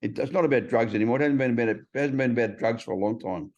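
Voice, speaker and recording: Rapid-fire and darkish in tone, this medium-pitched male voice belongs to a podcast host in casual chat. He swears freely, speaks bluntly, and mimics other people's voices, recorded in slightly dull lo-fi audio.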